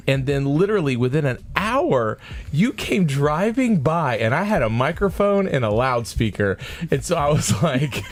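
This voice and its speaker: Playful male talk-show host, lively pitch. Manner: playful, joking banter. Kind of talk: casual chat.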